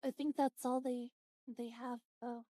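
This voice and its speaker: A woman's voice: a little high, little pitch movement, unhurried, warm tone, no echo, clean studio sound. A woman livestreamer chatting casually, rambling and trailing off as she goes. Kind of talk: casual livestream chat and reactions.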